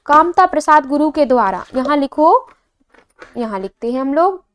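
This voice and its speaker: A woman's voice: sits high, lively intonation, moderate pace. A young woman teaching an exam coaching lesson, asking a question and answering it herself and repeating key points with frequent fillers.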